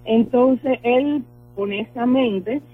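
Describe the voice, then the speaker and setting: A woman's voice: on the high side, extremely slow, slightly rough. A woman from the Dominican Republic with a Dominican accent, a lawyer explaining her work earnestly with many fillers in a radio interview. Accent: Dominican Spanish. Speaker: lawyer, guest. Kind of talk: radio interview over the phone. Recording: tinny phone line with faint music.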